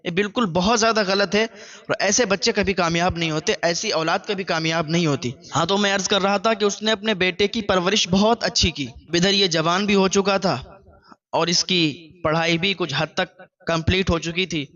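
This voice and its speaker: A man tells a moral story in sermon form, earnest and exhorting. His high voice rings bright and forceful. The recording is dull and lo-fi. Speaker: preacher and storyteller.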